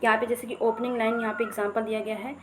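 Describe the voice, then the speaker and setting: A fairly high-voiced woman from India lectures like an exam coach, repeating key points again and again and slowing down to read definitions and verse. Her comes through in the parts. The room is echoey, with a faint hum of noise behind her. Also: level tone, fairly bright tone. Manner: repetitive, drills key points, reads English definitions and poem lines slowly. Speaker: English literature teacher. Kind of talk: exam-prep lecture in Hindi mixed with English.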